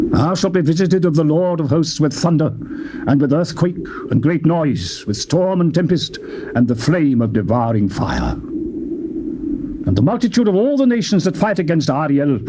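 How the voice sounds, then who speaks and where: On an old cassette tape, a man narrates scripture dramatically in archaic diction, his delivery solemn and declamatory. His voice sits a little high, and background noise is audible.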